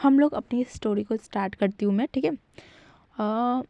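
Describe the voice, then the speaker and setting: A woman's voice: fairly high pitch, measured pace, creaky, mellow, no echo, muffled recording. A woman casually retelling a fan fiction story in a chatty way, with fillers and self-corrections.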